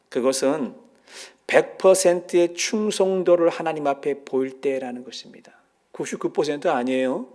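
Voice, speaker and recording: A male pastor preaching a sermon, telling a story in an animated way and asking his congregation rhetorical questions. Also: fairly high pitch.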